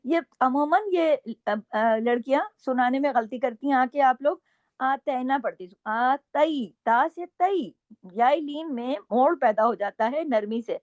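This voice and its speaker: A woman teaching Quran recitation rules, alternating slow drawn-out recited examples with brisk explanations and frequent "okay?" checks. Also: sits high, dry recording. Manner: repeats checks like "okay?" and scolds gently. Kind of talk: tajweed lesson with recited examples.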